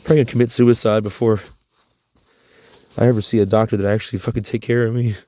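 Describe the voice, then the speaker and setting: A man talking straight to camera in a rambling, profane vlog monologue, his voice climbing high when he gets worked up. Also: flat delivery, quick pace, mellow, dry recording, clean studio sound.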